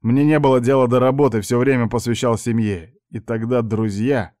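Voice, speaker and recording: A man reading an audiobook, voicing a sly middle-aged uncle who talks in a slow, drawn-out, mocking way. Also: mid-range voice, fairly even intonation, dark tone, no echo, studio quality, natural voice. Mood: pleading. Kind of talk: audiobook character voice.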